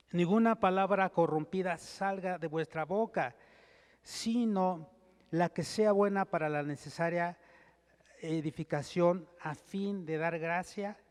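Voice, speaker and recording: A male pastor preaching a sermon, teaching point by point in a measured way and reading scripture aloud. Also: high voice, a little mellow. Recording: long hall reverb.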